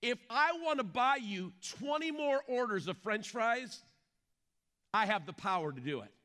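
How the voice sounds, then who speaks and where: A loving father lectures his son in a loud, emphatic voice, as a preacher acts him out. The voice sits high and bright. It swoops widely in pitch as he stresses each point. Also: animated, measured pace, heavily acted. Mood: firm, reassuring.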